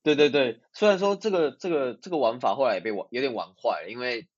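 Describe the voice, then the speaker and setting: A man's voice: mid-range voice, quick pace, no echo, dull audio. A man with a Taiwanese accent chatting casually as a podcast co-host. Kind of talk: casual chat.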